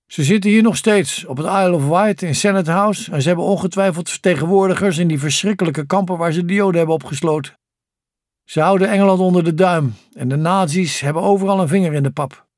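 A man voicing a stern old male wartime leader with a dark, lisping, growling voice in an audiobook. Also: high-pitched, fast talker, no echo, studio quality, lightly acted.

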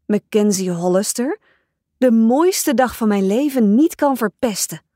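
Woman, high and mellow, bubbly teen-diary narration, dry studio read. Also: no echo. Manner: bubbly, dramatic teen-girl delivery. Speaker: audiobook narrator. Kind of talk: first-person diary narration.

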